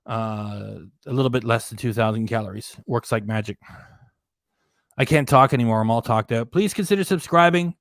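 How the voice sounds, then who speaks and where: Hosting a reaction stream and reading chat, a man with a mid-range voice rants indignantly at a moderate pace, repeating himself as he loses his voice. The recording is dry, with studio quality. A desk microphone behind a graphic keeps the mic out of view.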